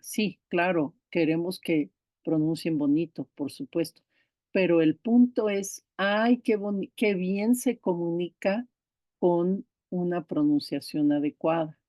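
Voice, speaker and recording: Woman teaching a class over a video call, slow and low-ish, dry close sound, keeps asking "right?". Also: dark tone, no room sound. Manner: explanatory, repeats and restarts words, checks with "¿no?". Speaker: course instructor. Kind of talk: online lecture on pronunciation teaching.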